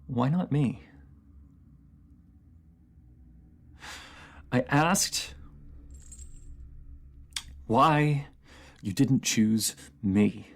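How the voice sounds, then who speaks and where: In this dramatic monologue, a voice actor plays a fantasy ruler who is bitter and wounded, addressing one listener in a halting, emotional way. His mid-range voice carries a hurt, pleading mood.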